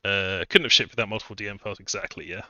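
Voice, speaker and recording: A man's voice: lowish voice, steady tone, racing, pushed and bright, no echo, highs cut off. A man chatting casually on a live stream, rambling through his points with fillers, a little out of breath. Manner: rambling, conversational, many fillers and restarts. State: a bit out of breath. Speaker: streamer and game modder.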